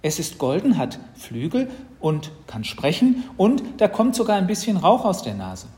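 A bossy, cheeky little girl chatters in a high, loud voice, as a male narrator puts her on. Her pitch swings all over in a German children's audiobook reading. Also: big pitch swings, moderate pace. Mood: excited.

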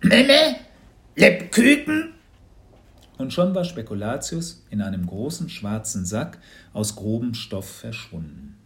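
Expressive man reading a storybook. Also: fairly low pitch, unhurried. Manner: lively, expressive. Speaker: narrator.

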